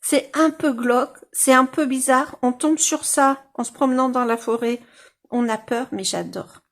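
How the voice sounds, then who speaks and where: Chatty woman, slightly high voice. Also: normal speed. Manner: rambling and chatty, with many fillers and restarts. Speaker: coloring-book YouTuber. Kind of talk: casual chat showing her colorings.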